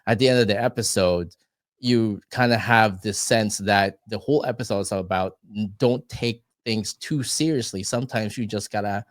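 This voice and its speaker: A young man talks in a casual, meandering way, checking in with "right?" as he goes. His voice sits on the low side. The sound is dry and close to the mic, with no room echo. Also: moderate pace. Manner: rambling, tags lines with "right?" and swears casually. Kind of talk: casual podcast chat.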